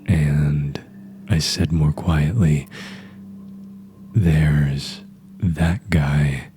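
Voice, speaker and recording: A man narrating a horror story in a hushed, breathy, half-whispered delivery. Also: very deep voice.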